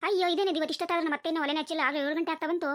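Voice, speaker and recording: A woman's voice: very high voice, steady tone, very fast. A woman voicing a sulky young village daughter-in-law in a comic cartoon. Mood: nosy. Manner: whiny, grumbling asides.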